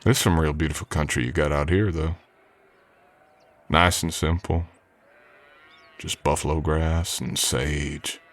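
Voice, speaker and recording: Voicing a drifter cowboy who works a ranch in the Old West, a man speaks with an extremely deep, steady voice and a relaxed, folksy drawl. He addresses the listener modestly and courteously in ASMR style, sounding wistful and reflective.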